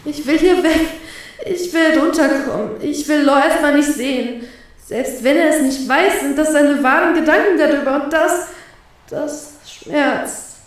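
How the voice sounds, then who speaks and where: A woman's voice: sits high, unhurried, distant mic, voice pushed up. A woman voicing an upset young heroine of a pirate story, speaking her hurt inner thoughts, a little off-mic in a roomy space. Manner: hurt, wistful inner speech.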